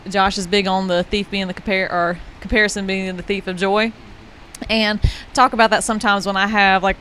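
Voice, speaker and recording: A woman's voice: mid-range voice, bright, forceful tone, slight background noise. A woman coach explaining a point on a casual fitness podcast, thinking aloud with "um" and "uh" as she goes.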